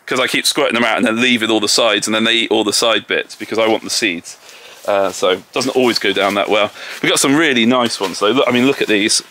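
A homesteading vlogger from England chats his way through a casual tour of his garden and orchard outdoors, cheerfully self-deprecating, as distant tractors and farm vehicles sound in the background. He talks fast with few pauses in a bright voice on the low side, with a bit of hiss or hum.

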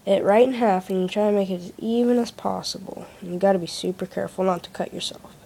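A woman talking through a hands-on craft project in a plain, instructive way, one step at a time. Her voice sits at a middling pitch and comes through a handheld phone in a small indoor room. A faint hiss of room noise runs underneath. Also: fairly even intonation, fast talker, gravelly, mellow. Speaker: craft demonstrator. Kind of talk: casual how-to explanation.

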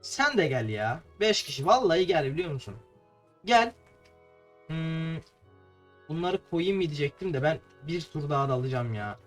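A young man from Turkey talks his viewers through a battle in a playful, chatty way. His voice sits a little high and he trips over his words now and then. Faint game music plays under him. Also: big pitch swings, moderate pace. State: slightly tongue-tied. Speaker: gameplay streamer. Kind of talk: casual gameplay commentary.

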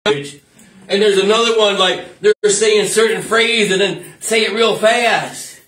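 High-voiced preacher in an echoey room. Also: male voice, slow pace, a bit bright, recorded from a distance. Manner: preaching with repetition and asides. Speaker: pastor. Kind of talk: informal sermon. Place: church. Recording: echoey room, mic from afar.

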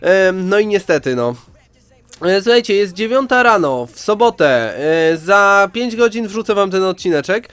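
A man's voice: sits high, big pitch swings, moderate pace, a bit bright, clear, resonant tone, no echo, soft background music. A man with a congested, nasal voice from a head cold, chatting casually to viewers as he hosts gaming commentary. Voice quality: nasal, stuffed-up voice. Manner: chatty, addresses viewers directly. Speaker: gaming video host. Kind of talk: casual let's-play commentary.

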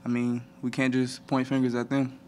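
Young male athlete at a press table mic, flat steady delivery, light room ambience. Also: mid-range voice, a little hiss or hum. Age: young adult. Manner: flat, measured, many "I mean" fillers. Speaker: college football player. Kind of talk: postgame press conference answers. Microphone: table microphone.

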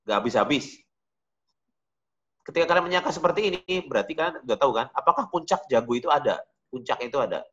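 A man's voice: mid-range voice, expressive, fast, pauses often, a bit bright. Casual male art teacher, dull audio. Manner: casual, direct, repeats points to students. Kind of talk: online digital painting class.

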